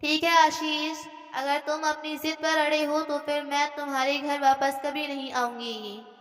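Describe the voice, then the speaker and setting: A woman's voice: high voice, little pitch movement, unhurried, a bit bright. A woman storyteller voicing a proud, stubborn young wife who talks back sharply and defiantly. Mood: cold. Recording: echoey hall with faint music.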